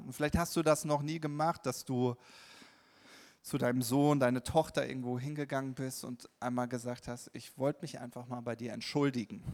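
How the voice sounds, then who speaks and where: A middle-aged man giving a personal, conversational sermon, often breaking off and restarting, and acting out his own inner voices. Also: medium pitch. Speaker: preacher. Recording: long reverb of a large hall.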